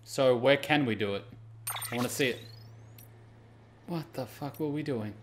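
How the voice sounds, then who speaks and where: A gaming streamer talks through his live gameplay in a casual way, exclaiming, asking questions, swearing, and reading on-screen text aloud. His voice is medium-pitched and fairly bright, at a moderate pace, with background noise behind it.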